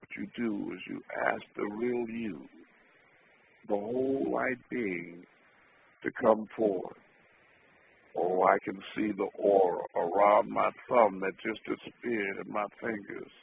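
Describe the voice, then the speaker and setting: A man leading a spiritual healing session as guided meditation with affirmations, slowly and deliberately instructing a group. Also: lowish voice, steady tone, gravelly. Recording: noisy, tinny phone-like audio.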